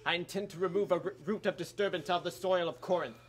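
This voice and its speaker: A man's voice: sits high, fairly even intonation, quick pace, slight background noise, natural voice. A young man acting a stern, commanding king on stage, speaking harshly and with authority. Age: young adult. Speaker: student stage actor.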